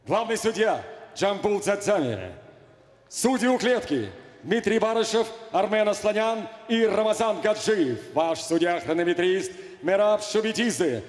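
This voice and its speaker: An older man working as a ring announcer, formally and theatrically announcing a fight with drawn-out shouts. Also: high-pitched, animated. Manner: grand, theatrical, building to shouts. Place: cage in a large indoor arena. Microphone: handheld microphone. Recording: echoey arena PA with long reverb.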